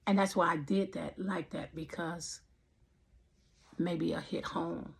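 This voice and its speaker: A woman's voice: fairly low pitch, fairly even intonation, slow pace, gravelly, slightly rough. A woman in her fifties giving an impassioned personal faith testimony, repeating her phrases in a preacherly way. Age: 50s. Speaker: vlogger.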